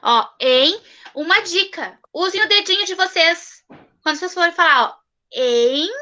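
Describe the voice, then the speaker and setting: With a lively, high, bright female voice and a Brazilian Portuguese accent, this primary school teacher leads an online class for young children over a computer mic on a video call. She is patient, slowly going over each answer again and praising the kids.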